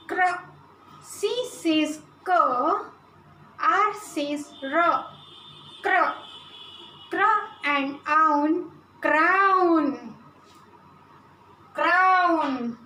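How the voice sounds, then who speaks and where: A bright, high-pitched woman with an Indian accent leads a phonics class for young children. She spells each word out slowly and carefully, switching between English and Hindi. The room is echoey, with faint noise behind her. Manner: slow, deliberate spelling out of sounds and letters. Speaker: kindergarten teacher. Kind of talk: online phonics lesson for small children.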